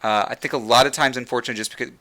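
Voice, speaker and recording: A man's voice: mid-range voice, fairly even intonation, very fast, sharp tone. A man hosting a casual gaming discussion, rambling with many fillers and restarts, saying he is losing his voice. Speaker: podcast host.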